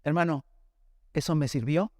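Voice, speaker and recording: Fairly high-pitched but darkish in tone, the man speaks steadily at a moderate pace in a Mexican Spanish accent. He's a pastor preaching through his personal testimony, telling it conversationally and addressing listeners as brother, recorded in studio quality without echo.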